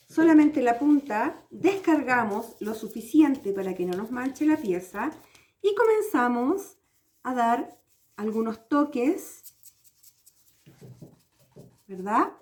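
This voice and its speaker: A Chilean craft teacher with a slightly high, darkish-toned voice leads viewers through a hands-on project. She takes them through it patiently, one step at a time, making sure they follow along.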